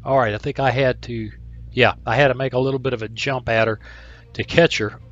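A man talks through his gameplay in a chatty, folksy manner, thinking out loud and clearing his throat now and then. His voice sits in a middle range, the recording is a touch dull, and faint music plays underneath. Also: mid-range voice, steady tone, fairly quick. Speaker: gaming channel host. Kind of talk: casual gameplay commentary.

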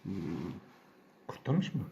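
A man's voice: slow pace, mellow, muffled recording. A man vlogging outdoors as he feeds street animals, calling them over in a raised sing-song voice and scolding them playfully. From Turkey. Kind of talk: casual vlog commentary. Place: outdoors around his workshop. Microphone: handheld camera. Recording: noisy outdoor recording.

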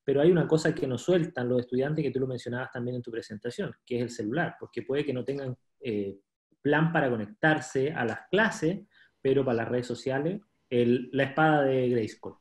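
A man's voice: medium pitch, moderate pace. A man, a university staff member asking a question on a video call, hesitating with fillers.

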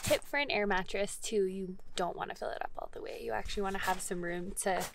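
A young woman chatting casually in a hiking vlog, giving tips to the viewer in a relaxed, friendly way. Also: medium pitch, quick pace, noisy background. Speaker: travel vlogger. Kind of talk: casual vlog chat and narration. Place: outdoors at a campsite and on a trail.

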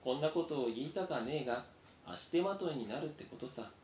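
A man doing Yossho, a gruff rough mouse. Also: expressive, brisk, natural voice. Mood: scornful. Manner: rough, blunt street talk. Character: gruff rough-talking male mouse leader. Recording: roomy echo, faint rumble.

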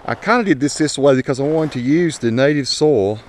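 In this casual vlog narration, a man strolls outdoors showing off his home garden in a folksy, conversational, unscripted way while recording on an action camera, using its built-in mic. His mid-range voice moves fairly quickly, and a little hiss or hum is audible.

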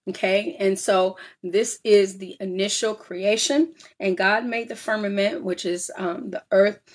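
A woman's voice: medium pitch, steady tone, measured pace. Chatty woman teaching a Bible study. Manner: reads scripture aloud then explains with frequent "all right?" and "um". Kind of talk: casual Bible study reading and explanation.

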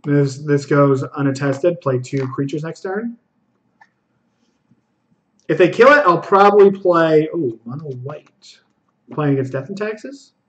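A man's voice: fairly high pitch, animated, measured pace, long pauses, lo-fi sound. Self-critical young man thinking aloud. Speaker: streamer playing a card game. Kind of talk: live gameplay commentary.

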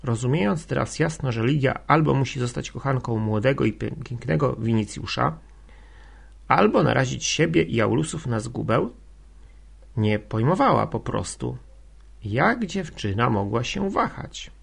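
A man narrating a classic novel as an audiobook in a steady reading manner. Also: mid-range voice, unhurried, creaky, breathy edge.

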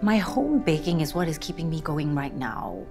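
A slightly low female voice plays a weary, frustrated mother in middle age. She speaks bluntly and frankly, as in a naturalistic screen drama. Music plays clearly behind her. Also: sing-song, normal speed. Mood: subdued, unsure. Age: middle-aged. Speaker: job seeker.

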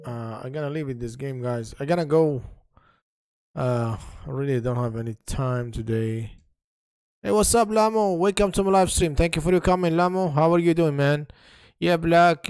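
A man's voice: mid-range voice, darkish tone, clear, resonant tone, no room sound. Chatty streamer man with broken English. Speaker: livestreamer. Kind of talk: casual gameplay commentary.

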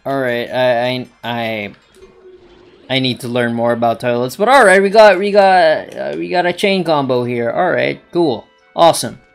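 A man's voice: medium pitch, moderate pace, gravelly, faint music behind. A man giving rambling let's play commentary, talking to himself with many hesitations as he plays a game. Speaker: gaming channel host.

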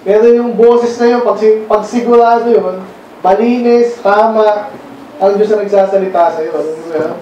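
High-voiced man preaching in an echoey hall. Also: normal speed, dark tone, muffled recording, slight background noise. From Philippines. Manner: quizzes the congregation with frequent questions. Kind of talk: conversational sermon. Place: church hall. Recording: very echoey hall, mic far off.

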